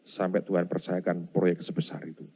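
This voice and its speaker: With a low, husky voice and a slightly quick pace, a middle-aged pastor brings his sermon's story to life by acting it out. He frequently turns to the congregation as "Saudara," and the audio is dull and lo-fi.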